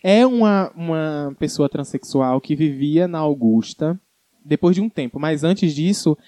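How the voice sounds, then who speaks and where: Brazilian accent, mellow dark tone, dry close sound, casual co-host chat, halting delivery. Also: medium pitch, expressive, dry recording. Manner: informal, halting, stumbles on long words. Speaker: show co-host. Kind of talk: casual chat about news hits and flops.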